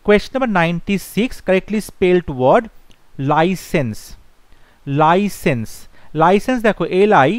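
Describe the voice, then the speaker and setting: High-voiced man spelling words letter by letter. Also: sing-song, no room sound. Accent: Bengali. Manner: spells out letters slowly, repeats each word several times; reads question numbers slowly and deliberately in English. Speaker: English teacher. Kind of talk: exam prep lesson, spelling words letter by letter.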